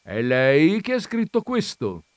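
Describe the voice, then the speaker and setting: A man voicing a calm but stubborn male visitor, pressing his questions emphatically while reading a comic story. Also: on the high side, slow pace, dry recording, voice pushed up, full character voice. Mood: insistent.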